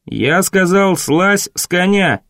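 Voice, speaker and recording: A man voicing a rough, threatening young male soldier in an audiobook, with coarse, commanding speech. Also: fairly high pitch, lively intonation, a little slow, no echo, clean studio sound. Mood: gruff. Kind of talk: audiobook reading.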